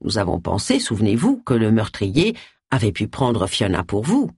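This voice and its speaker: A reader voicing an older man, a cautious and worried friend, in an audiobook, lowering the voice and speaking with apprehension. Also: wildly swooping pitch, moderate pace, a little mellow, breathy edge, dry recording, studio quality, exaggerated voice. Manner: hesitant, apprehensive.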